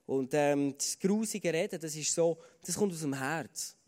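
A Swiss German man preaches a sermon with a slightly high voice. He talks earnestly and conversationally, often restarting phrases. His words ring out with a long reverb from a large church hall. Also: a little slow, darkish tone. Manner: earnest, conversational, with fillers and repeated starts. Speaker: pastor. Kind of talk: sermon with personal stories.

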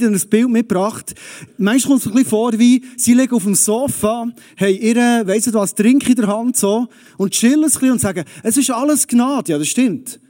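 A man preaching a lively, conversational sermon straight to the audience. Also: high-pitched.

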